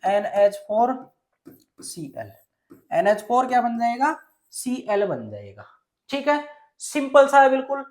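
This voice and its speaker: A man's voice: very high-pitched, big pitch swings, slow, long pauses. A male teacher from Rajasthan explaining a chemistry lesson step by step, often asking a question and then answering it himself. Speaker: science teacher.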